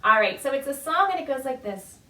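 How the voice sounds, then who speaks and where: High-pitched and sharp in tone, her voice moves fairly quickly with lively intonation. She's a children's librarian running a baby storytime, cheerfully guiding parents and babies in a sing-song, show-and-tell manner. The room echoes, and the mic is distant.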